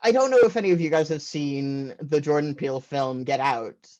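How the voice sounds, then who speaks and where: A man's voice: on the high side, moderate pace, a little mellow, lo-fi sound. A man doing stand-up, rambling through a story with lots of fillers and laughing at his own jokes. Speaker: stand-up comedian.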